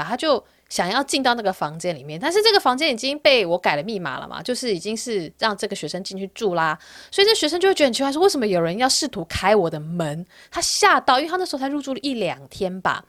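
A young woman who works as a rental agent, casually telling her viewers a story and getting worked up as she retells it. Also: fairly high pitch. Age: young adult. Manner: animated, gets worked up while retelling.

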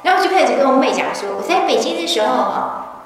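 A woman's voice: sits high, sing-song, fast, crowd noise. A middle-aged woman, telling a story casually at a religious gathering and acting out the dialogue. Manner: chatty, acts out quoted dialogue, tags sentences with "ha". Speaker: member sharing a testimony at a religious gathering. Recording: echoey hall from far off.

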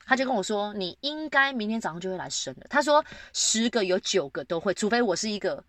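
A woman co-hosting a casual podcast chat, telling a lively story and acting out the quotes. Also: a little fast, no echo, clean studio sound. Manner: lively storytelling, acts out quotes with big pitch jumps. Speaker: podcast co-host.

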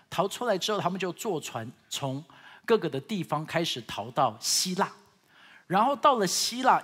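A man preaching a sermon as a pastor in with a tinge, husky and emphatic, with halting, repetitive phrasing. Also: on the high side. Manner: emphatic, swinging from loud exhortation to quieter asides; halting, repetitive phrasing with occasional English words. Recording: long hall reverb.

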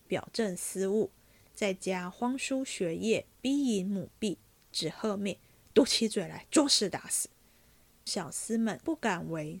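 A woman reading a classic novel aloud as a podcast host, in steady, measured storytelling. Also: medium pitch.

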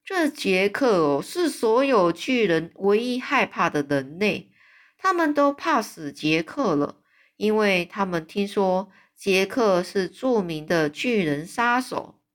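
A big, friendly male giant speaks in a slow, hushed and careful way, gentle and patient, as a woman reading a storybook aloud puts him on. His words come drawn out and unhurried. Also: mid-range voice, sing-song. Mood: hushed calm.

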